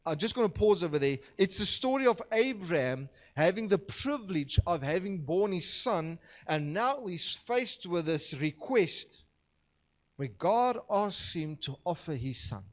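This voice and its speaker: High-voiced man preaching. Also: very animated, unhurried. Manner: conversational storytelling, laughing at his own anecdotes; asks the slide operator for the next verse. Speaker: pastor. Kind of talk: sermon.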